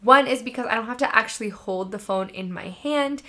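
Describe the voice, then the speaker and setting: A woman acting as a career coach gives instructional advice in a conversational way, speaking with expression and emphasis. Her voice is fairly high and her pace fairly quick.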